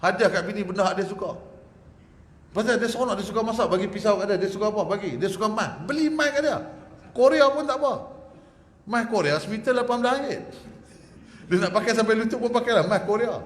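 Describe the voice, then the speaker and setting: A man preaching a religious lecture in a mosque prayer hall. He is lively and joking, often asks the audience to agree with him, and ends with a prayer. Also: high-pitched, quick pace. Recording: echoey hall with faint background hum.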